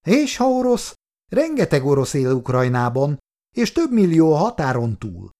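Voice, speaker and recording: A woman's voice: low voice, big pitch swings, warm tone, pitched above the performer's own voice. A male reader voicing a brave, exhausted young female nurse who speaks up with passion. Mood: indignant. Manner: impassioned, pleading. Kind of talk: audiobook dialogue.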